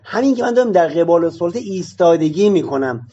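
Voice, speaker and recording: A man's voice: sits high, expressive, warm tone, husky, muffled recording. A man arguing his point in a discussion session, explaining it through rhetorical questions.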